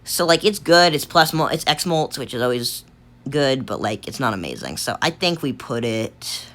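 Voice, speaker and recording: A woman with a strikingly low voice talks through a gaming tier list, thinking out loud. Her delivery wanders and restarts, full of fillers, while her pitch rises and falls in a lively, animated way. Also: moderate pace. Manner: rambling, thinks aloud with many fillers and restarts. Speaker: gaming video creator. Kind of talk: casual tier-list commentary.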